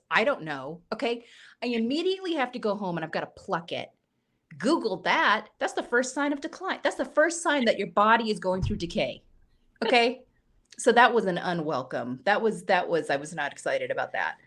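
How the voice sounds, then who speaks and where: A woman in her forties, a humor writer, telling comic stories and acting out the voices of the people in them. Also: mid-range voice. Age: 40s. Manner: lively comic storyteller acting out quoted voices. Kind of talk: animated storytelling.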